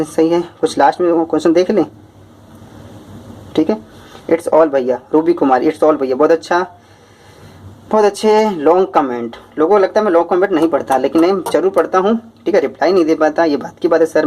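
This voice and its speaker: A man, a teacher out of breath from talking fast as he reads out viewers' comments. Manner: lively, talks fast, rises in pitch.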